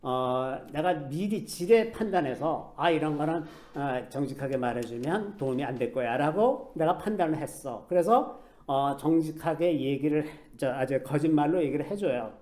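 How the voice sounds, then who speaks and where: A middle-aged man preaching a sermon as a pastor, telling stories in a conversational way and softly acting out quoted speech. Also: on the high side, lively intonation, normal speed.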